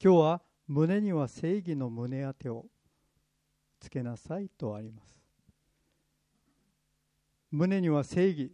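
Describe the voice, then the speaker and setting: A man's voice: fairly high pitch, mellow, no echo. Earnest Japanese male pastor preaching. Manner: earnest, emphatic preaching with rhetorical repetition. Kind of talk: sermon.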